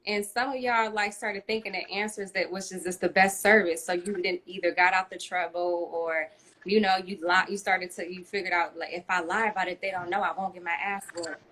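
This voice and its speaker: A woman's voice: lowish voice, fairly even intonation, brisk, a bit bright, low-quality recording. A woman hosting a casual conversation, reflective and opinionated as she makes her points. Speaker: host.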